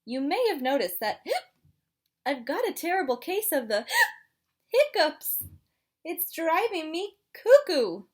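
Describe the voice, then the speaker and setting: A woman plays a little boy penguin from a picture book, high-voiced and swooping. He is polite but flustered, his slow speech broken by gasping hiccups, and he appeals to children like an expressive kids show host. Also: heavily acted. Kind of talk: animated children's storybook read-aloud.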